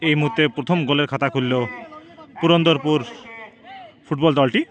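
A man's voice: on the high side, steady tone, racing. A man gives live football commentary outdoors at a local ground. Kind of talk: live sports commentary of a penalty shootout. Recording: outdoor recording with crowd noise. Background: crowd.

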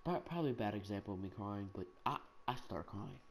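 A young man telling a childhood story in a rambling, animated, self-mocking way, with lots of restarts. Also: on the low side, fast talker, vocal fry, a little hiss or hum. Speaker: gaming video storyteller.

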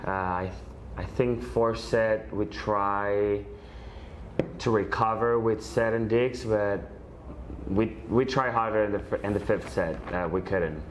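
Halting low-voiced man at a press conference. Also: slight background noise. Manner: halting, many fillers, searching for words. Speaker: volleyball player. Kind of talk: post-game press conference answers.

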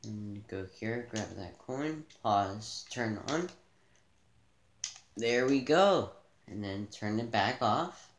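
A man giving a casual gameplay tutorial, relaxed and thinking aloud as he plays in a dim room, filmed by a camera pointed at the TV. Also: fairly low pitch, takes it slowly, roomy sound, a little hiss or hum. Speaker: gaming channel host.

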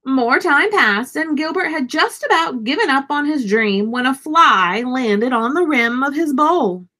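Woman, high lively voice, expressive picture-book narration, dramatic emphasis, unhurried. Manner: animated, dramatic emphasis for young listeners. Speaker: teacher reading a picture book aloud. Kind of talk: expressive children's storybook narration. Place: small indoor room, seated.

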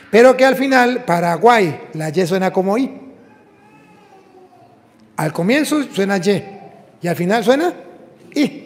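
In a church whose long reverberation trails after his words, a priest preaches and engages in apologetics dialogue. His male voice is high and bright, and he drives points home with forceful explanations and rhetorical questions.

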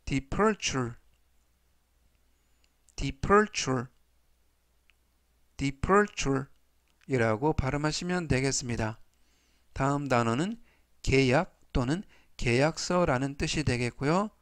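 Very slow-talking man teaching English words. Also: mid-range voice, expressive, fairly bright tone, no echo, clean studio sound. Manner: repeats each English word slowly three times; formal polite explaining. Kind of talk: slow scripted vocabulary lesson.

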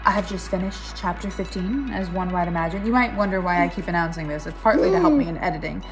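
A woman's voice: fairly low pitch, expressive, fast talker, soft background music. Chatty young woman vlogging at home. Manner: chatty and rambling, self-deprecating asides. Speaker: book club vlogger. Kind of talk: casual book discussion chat. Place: living room at home, indoors. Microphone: tablet built-in mic, close and low.

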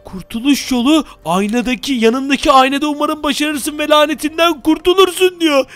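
A man's voice: very high-pitched, a little fast, fairly bright tone, no echo, faint music behind. A young man hosting a game video, narrating with dramatic, easily frightened reactions. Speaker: gaming video host. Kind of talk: excited game commentary.

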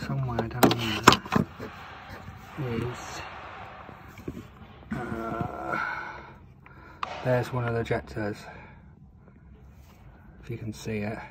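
Mechanic muttering outdoors by a car. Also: male voice, medium pitch. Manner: muttering while working, thinking aloud. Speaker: mechanic vlogger. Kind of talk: casual work vlog. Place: outdoors beside a car with the bonnet open. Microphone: phone camera held close. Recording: outdoor ambience noise behind the voice.

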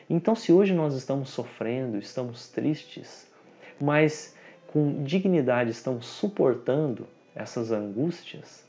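A man in his thirties giving a devotional talk in a small room, slow and earnest, stretching key words. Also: medium pitch, vocal fry, warm tone, lo-fi sound. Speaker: spiritist lecturer. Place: small dim room indoors.

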